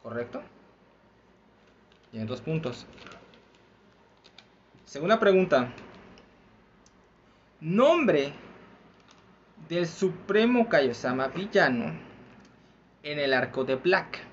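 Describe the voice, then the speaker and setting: A man's voice: a little high, very animated, drawn-out words, pauses often. A man with a Mexican accent hosting a casual trivia game among friends, laughing often and explaining the rules at length. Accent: Mexican Spanish. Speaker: quiz host. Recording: muffled with faint background noise.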